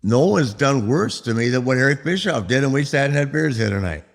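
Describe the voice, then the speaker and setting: A man's voice: medium pitch, expressive, a little fast. A middle-aged or older man reminiscing candidly in conversation, emphatic and aggrieved. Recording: reverberant hall.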